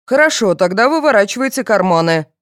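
A woman's voice: medium pitch, expressive, fairly quick, no echo, voice pushed up, close to an everyday voice. A woman reading a curt, unflappable police officer. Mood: curt, commanding. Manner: curt, commanding, dry. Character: stern middle-aged male police officer, unflappable. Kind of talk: audiobook character voice.

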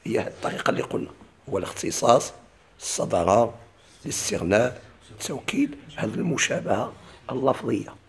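A man's voice: mid-range voice, sing-song, quick pace. A man with a Moroccan Arabic accent teaching a classical grammar lesson. He keeps asking his class questions and then answering them himself.

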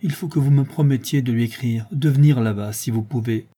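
A man's voice: medium pitch, brisk, dark tone, husky, natural voice. A man voicing a desperate middle-aged mother who pleads and protests to defend her accused son. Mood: anguished. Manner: pleading, indignant, breaking into cries.

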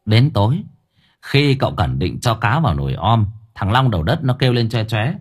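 A man with a somewhat low, husky voice narrates a story in a lively, earthy way. His pitch moves around a lot, rising and falling with the telling. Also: normal speed. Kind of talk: audiobook narration.

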